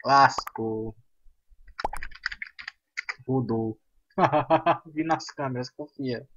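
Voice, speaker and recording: A man hosting a gaming channel, chatting excitedly to himself and his viewers over gameplay. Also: medium pitch, extremely slow, dull audio, a little hiss or hum. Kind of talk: casual gameplay commentary.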